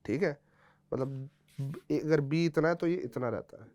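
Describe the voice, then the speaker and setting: A man's voice: fairly high pitch, measured pace, darkish tone, no echo. A man teaching a guitar theory lesson, explaining patiently step by step and checking in with his students often.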